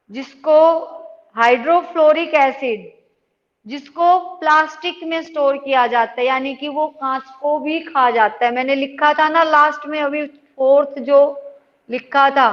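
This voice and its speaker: A woman teacher giving an online class lesson, patiently checking in with her students as she explains. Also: high voice. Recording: dull lo-fi audio with long reverb.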